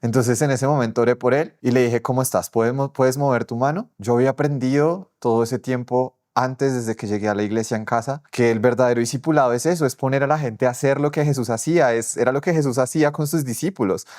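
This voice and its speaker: A young man shares a faith testimony in an earnest, storytelling way, his voice sitting at an ordinary middle pitch. He often acts out his own past words as he recounts them. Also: fast talker, hardly any pauses, darkish tone. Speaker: testimony speaker.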